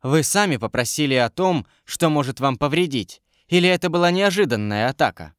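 A man reading an audiobook, voicing an anxious young woman servant who gives hushed, earnest warnings. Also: fairly high pitch, animated, fairly quick, clean tone, no room sound, clean studio sound. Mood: worried.

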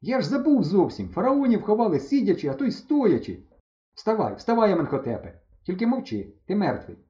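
A man's voice: high voice, sing-song, a little fast, dark tone, pitched above the performer's own voice. A man reading an audiobook, voicing a bossy, theatrical village boy who declaims pompously. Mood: excited. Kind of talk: audiobook character voice. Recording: dull lo-fi recording.

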